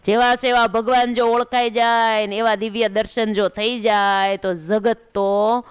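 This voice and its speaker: A woman's voice: a little high, little pitch movement, unhurried, smooth. A woman narrating a devotional story as a religious storyteller, acting out the characters' words. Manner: narrates with acted quotes of characters. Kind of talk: devotional katha sermon.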